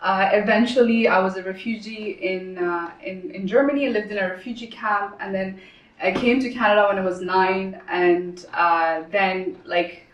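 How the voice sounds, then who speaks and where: A woman from Sri Lanka answering as a roundtable guest, halting, with many fillers and restarts. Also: mid-range voice. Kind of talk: conversational interview answers. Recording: echoey room, distant mic.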